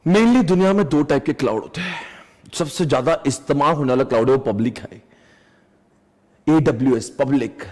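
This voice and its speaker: A man giving an energetic exam-prep lecture, coaxing students to chant key terms with him, mixing English into his talk. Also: on the high side, moderate pace, big-room sound. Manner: animated, coaxes students to chant along and shouts keywords; mixes English into Hindi, jokes with listeners.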